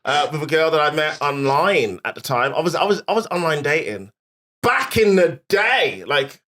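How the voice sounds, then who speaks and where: A man's voice: fairly high pitch, big pitch swings, normal speed, sharp tone, slight background noise. A man in his thirties, a comedian co-hosting a podcast, telling self-mocking stories with frequent laughter. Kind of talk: casual chat.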